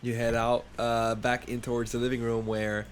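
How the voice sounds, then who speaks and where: A man narrating as game master of a tabletop game over a voice call, describing scenes slowly with frequent fillers. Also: medium pitch, completely flat delivery, slight background noise. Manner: unhurried, halting scene description with many fillers.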